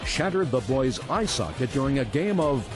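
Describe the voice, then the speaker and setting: Animated male TV announcer over music. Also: mid-range voice, moderate pace. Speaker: TV show announcer. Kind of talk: scripted case narration over music. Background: loud music bed.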